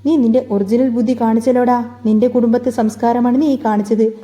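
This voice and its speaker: A woman's voice: fairly high pitch, fairly even intonation, brisk, lightly acted. A woman voicing a raging young man. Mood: angry. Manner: yelling. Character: angry young man threatening over phone.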